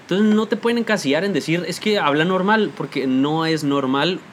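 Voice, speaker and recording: A man's voice: on the high side, moderate pace, a crowd in the background. A Guatemalan man co-hosting a podcast, talking in a musing, conversational way and asking questions. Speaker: podcast co-host. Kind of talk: casual podcast chat.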